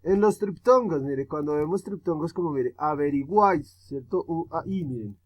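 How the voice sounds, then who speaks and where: A male teacher talks through a grammar lesson in a slightly high voice. He moves step by step, keeps checking that his students are following, and draws out each example word slowly. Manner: explains step by step, often checks with "¿cierto?" and "¿listo?"; stretches example words slowly.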